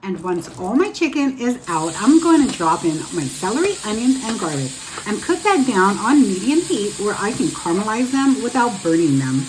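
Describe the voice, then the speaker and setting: A woman's voice: medium pitch, very animated, normal speed, darkish tone, a little hiss or hum, poor audio. A woman from Guam hosting a home cooking show, narrating a recipe in a chatty, instructional way and speaking straight to viewers.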